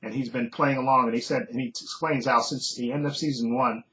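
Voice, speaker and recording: A man's voice: mid-range voice, steady tone, brisk, fairly bright tone, rough recording. A man casually recapping a TV episode as a reviewer, rambling with fillers and frequent chuckles. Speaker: TV show reviewer.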